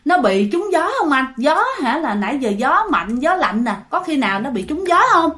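A woman voicing an anxious young girlfriend who speaks low and soft. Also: big pitch swings, normal speed. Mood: worried, hushed.

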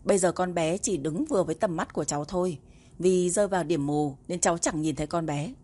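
A woman's voice: fairly low pitch, fast talker, dark tone, lightly acted. A woman narrator voicing a teasing young man who mocks his pretend niece in an audiobook. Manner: mocking, dry teasing. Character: teasing man, the heroine's mock uncle.

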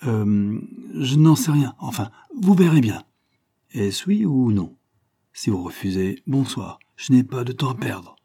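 A man's voice: medium pitch, expressive, measured pace, gravelly, dark tone, breathy edge, no room sound, clean studio sound, pitched above the performer's own voice, heavily acted. A man voicing a plump, scheming German businessman who talks brusquely and impatiently in an audiobook. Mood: sly.

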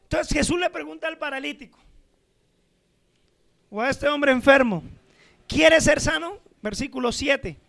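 A man preaches with fervor, firing rhetorical questions at his congregation and calling each one brother. His voice sits unusually high and carries a gravelly edge. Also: measured pace, pauses often, fairly bright tone. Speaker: pastor. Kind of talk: sermon.

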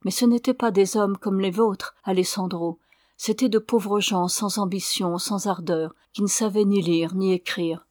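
A woman's voice: medium pitch, fairly even intonation, a little slow, darkish tone, no echo, clean studio sound, close to an everyday voice. A woman reading the lines of a tender, sincere young orphan girl in an audiobook. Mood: earnest.

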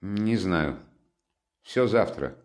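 Here the male reader plays a storybook's brooding young man in his own register, sullen and curt with a somewhat low voice, as part of an audiobook character reading. The delivery is animated, very slow and exaggerated, yet the mood remains dark and withdrawn throughout.

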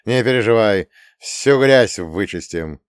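A man voicing a calm general who gives steady, reassuring reports. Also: lowish voice, a little slow, clean tone, dry recording, studio quality.

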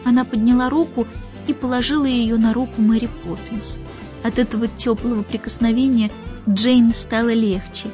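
High-voiced woman reading a storybook. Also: moderate pace. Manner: lively storytelling. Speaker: audiobook reader. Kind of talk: scripted narration. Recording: muffled audiobook with faint music.

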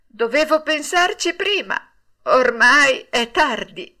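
A woman's voice: high voice, sing-song, takes it slowly, sharp tone, pitched above the performer's own voice, heavily acted. Woman voicing Geppetto, fretful old woodcarver. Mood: rueful. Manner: exclaiming, scolding in a raised voice. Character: old male woodcarver, fretful and quick to scold.

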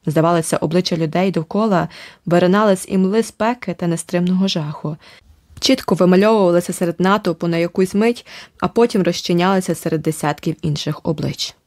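A woman narrating an adventure audiobook in a steady, vivid storytelling manner. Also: fairly low pitch, a little fast, dry recording, clean studio sound. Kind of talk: scripted narration.

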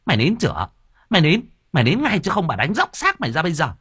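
A man putting on a shrill, cruel stepmother. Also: very animated, no echo, clean studio sound. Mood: shrieking angry. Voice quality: shrill, scolding falsetto. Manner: rapid nagging, fake sweetness when coaxing. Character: shrill, cruel stepmother, middle-aged woman.

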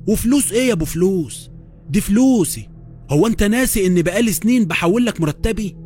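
A man voicing a furious, betrayed young wife with an Egyptian accent, shouting accusations. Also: mid-range voice, racing, soft background music, lightly acted. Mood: furious, accusing.

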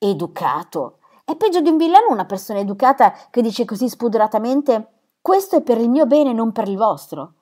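A woman's voice: on the high side, very animated, a little fast, darkish tone. A woman reading aloud, voicing a proud young woman artist who speaks frankly and emphatically. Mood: indignant.

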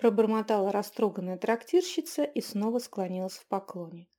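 A woman narrating a fantasy audiobook in an even, measured reading. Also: medium pitch. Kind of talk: storybook narration.

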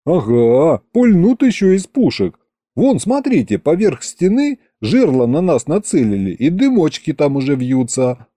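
A man's voice: fairly high pitch, big pitch swings, unhurried, dry recording, pitched above the performer's own voice. Man doing a cocky, cheeky young man. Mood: cheeky, brash. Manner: cheeky slangy shouting.

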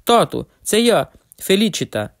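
A man's voice: high-pitched, sing-song, moderate pace, vocal fry, dry recording, clean studio sound, pitched above the performer's own voice, heavily acted. A man voicing an anxious middle-aged mother pleading with her father.

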